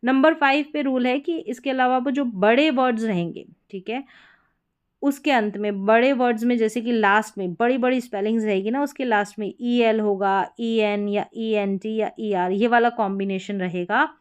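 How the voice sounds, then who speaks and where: A woman takes learners through English spelling rules, her voice smooth and clear. She is patient, says each example word slowly and more than once, and asks her students questions along the way. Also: on the high side. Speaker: English pronunciation teacher. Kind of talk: explaining spelling rules from a board.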